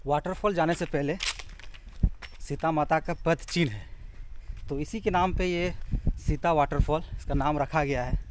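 A man's voice: on the high side, a little slow, long pauses, noisy background. A young man narrating a casual travel vlog outdoors in a forest, filming himself at arm's length and chatting about the sights. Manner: chatty, touristy, praising the sights. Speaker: travel vlogger. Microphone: phone or camera held at arm's length.

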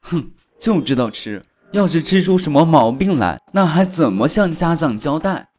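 A stingy school principal in a cartoon story, curt and dismissive, his voice pitched fairly high, as a man puts him on. The audio sounds dull and lo-fi. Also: very animated, normal speed, a little mellow. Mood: scolding. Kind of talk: animated story narration.

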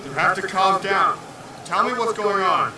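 An actor playing a confused young man who asks halting, bewildered questions. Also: high voice, noisy background, lightly acted. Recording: echoey, distant game audio.

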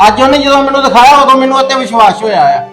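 A man's voice: very high-pitched, rapid-fire, fairly bright tone, echoey room, soft background music. A man playing a stern, harsh village father. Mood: angry. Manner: harsh and scolding. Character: stern, proud village father of grown daughters. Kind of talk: domestic drama acting.

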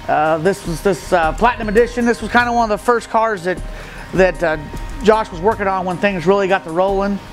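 This high-sitting male voice belongs to a middle-aged Midwestern stock car racer giving a casual walkaround of his car. He talks in a plain, matter-of-fact way, full of fillers, while a camera a few feet off films him in an open metal shed with gravel underfoot and the outdoors nearby.

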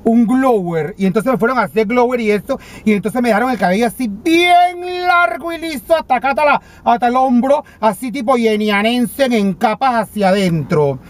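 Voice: mid-range voice, animated, moderate pace, few pauses, close to an everyday voice. A comic performer with a Panamanian accent playing a vain, dramatic female TV personality who complains flamboyantly and stammers, speaking from inside a parked car. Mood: indignant. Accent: Panamanian Spanish. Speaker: comedy character vlogger. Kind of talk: comedic character monologue.

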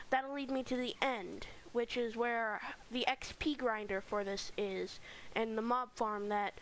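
A woman with a high voice gives casual, rambling commentary while playing a game and touring a base. She talks on a home mic, and a faint hiss sits under her voice. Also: a bit bright, low-quality recording. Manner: chatty, rambling tour-guide narration with fillers. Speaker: gaming channel host. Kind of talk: casual Minecraft let's play commentary.

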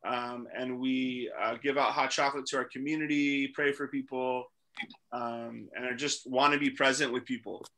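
Man, 30s, host on a video call; very bright tone, lots of ums. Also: medium pitch, steady tone, rough recording. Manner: halting, many fillers. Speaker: ministry staff host. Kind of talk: casual video call talk. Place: small room indoors.

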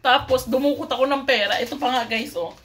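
A woman's voice: high-pitched, fast, fairly bright tone, slight background noise. A woman from the Philippines telling a story to her viewers in a casual, chatty way, mixing in English with many fillers and restarts. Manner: polite, addresses viewers often. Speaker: vlogger.

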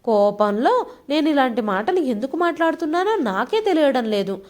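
A short-tempered young husband from a storybook, as a woman reads him, his voice swinging up and down with an irritable edge. He sits a little higher than her plain narration. He talks in a scolding, then soothing way. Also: sing-song, moderate pace, darkish tone.

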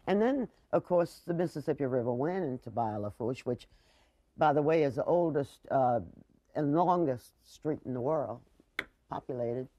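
A woman's voice: a bass voice, animated, normal speed, dark tone, no room sound, highs cut off. A woman, chatting emphatically as a guest and telling stories. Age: 60s. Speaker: talk show guest. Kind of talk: conversational local-history storytelling. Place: TV studio kitchen set.

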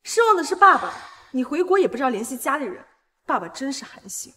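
An actress playing a haughty, spiteful elder sister in a drama, sneering and accusing. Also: female voice, high voice, sing-song, quick pace, bright, forceful tone, heavily acted.

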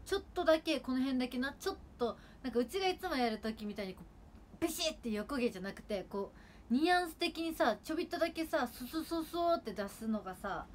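A woman in her twenties from Kagawa, Japan, an idol livestreamer, rambles chattily in Kagawa dialect, full of fillers, during a casual home livestream with her sister. Her voice sits high with lively intonation and a fast pace, and there's a little hiss or hum.

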